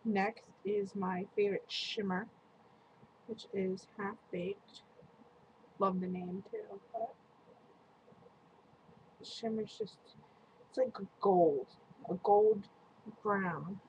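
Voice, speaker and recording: Slow, chatty woman on a webcam. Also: medium pitch, fairly even intonation, darkish tone, dull audio. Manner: chatty, slow and meandering, lots of "like". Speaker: beauty vlogger. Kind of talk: casual product review. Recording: faint room noise on a webcam mic.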